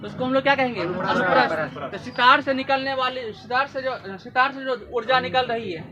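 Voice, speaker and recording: Man, classroom lecture, very high pitch, asks and repeats answers. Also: moderate pace, pushed and bright, lo-fi sound. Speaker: teacher.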